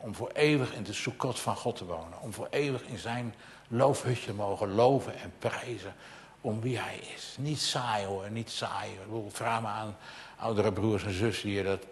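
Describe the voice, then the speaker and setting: Low-voiced preacher, loud then hushed. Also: male voice. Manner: swings between loud proclamation and near-whisper; direct, personal appeals to listeners. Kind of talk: sermon.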